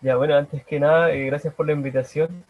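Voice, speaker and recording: A young Chilean man, a bit high for a man, speaking over a muffled, lo-fi video call. He answers interview questions haltingly, restarting sentences as he searches for words. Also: fairly even intonation. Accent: Chilean Spanish. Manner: hesitant, halting, many restarts. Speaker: painter, interview guest. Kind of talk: casual interview.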